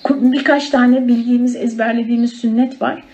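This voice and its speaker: A woman's voice: on the high side, steady tone, brisk, darkish tone, highs cut off. A woman teaching a religious study circle in a conversational way, often turning to her listeners as friends. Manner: conversational, addresses listeners as friends, many fillers.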